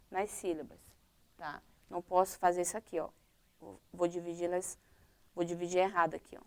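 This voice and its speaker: A woman with a Brazilian Portuguese accent teaches young pupils in a recorded lesson. Her voice sits a little low, and she explains patiently step by step, checking in with short questions as she goes. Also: darkish tone. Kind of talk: recorded primary-school lesson.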